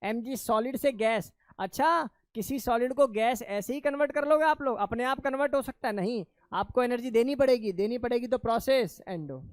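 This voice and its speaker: A man's voice: extremely high pitch, moderate pace, hardly any pauses, smooth, no echo. A male chemistry teacher lecturing in a classroom. He keeps asking his students questions, answers them himself, and calls them "beta".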